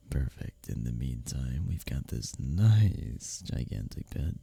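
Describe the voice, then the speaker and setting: With an extremely low pitch and a warm tone, a man heavily acts the part of a smitten, teasing workplace rival in an intimate romantic roleplay. His breathy, husky delivery halts and often drops toward a whisper, sounding breathless and flirtatious.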